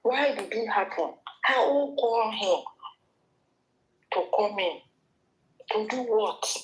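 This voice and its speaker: A woman's voice: medium pitch, lively intonation, slow, rough recording. A woman with a Nigerian accent giving an opinion commentary vlog, scolding the person she talks about and addressing her directly. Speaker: gossip commentator.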